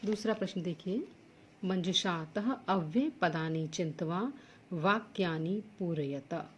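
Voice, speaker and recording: A woman's voice: lowish voice, slow pace, a little hiss or hum. A woman teaching Sanskrit to school students, working through textbook exercises. She reads each Sanskrit word and then explains it plainly in Hindi.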